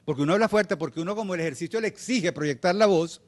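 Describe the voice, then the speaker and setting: A man voicing a defensive female schoolteacher who insists she is not violent, only speaks loudly. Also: sits high, fast talker, pitched above the performer's own voice, close to an everyday voice. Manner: insistent, protesting.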